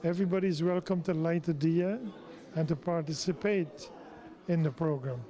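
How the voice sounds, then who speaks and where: A middle-aged man from Guyana, a temple president answering interview questions in a measured, explanatory way. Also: a little high, mellow.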